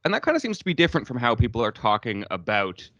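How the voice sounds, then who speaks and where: A man's voice: mid-range voice, huge pitch swings, quick pace, a bit bright, dry recording. A male radio reporter asking hesitant, circling questions at a press briefing, heard over a remote call line. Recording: dry, dull call-line audio.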